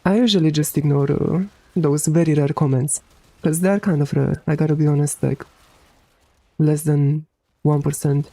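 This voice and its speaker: An androgynous streamer with a Romanian accent keeps up easygoing chatter with viewers mid-game, full of fillers and casual swearing. The voice is medium-pitched with vocal fry at a moderate pace; the recording is dry and the audio poor.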